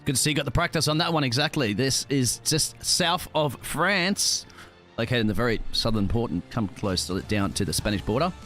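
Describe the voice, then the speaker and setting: A man's voice: medium pitch, lively intonation, brisk, a bit bright, faint music behind. A man co-commentating a sim racing broadcast in a chatty way, tripping over names. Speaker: race co-commentator.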